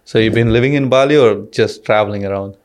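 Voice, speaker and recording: A man's voice: lowish voice, quick pace. A man hosting a casual podcast, laughing often between his lines. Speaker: podcast host.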